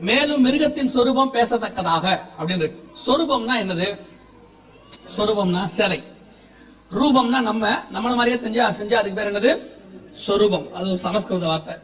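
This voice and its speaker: A man with a Tamil accent preaching a lively sermon, often laughing as he asks the congregation questions. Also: high-pitched, moderate pace. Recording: echoey hall from far off.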